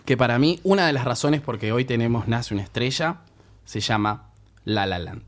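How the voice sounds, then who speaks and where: A man's voice: medium pitch, normal speed. A man with an Argentine accent in casual chat, laying out his argument step by step. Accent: Argentine Spanish. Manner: explanatory, makes his case step by step.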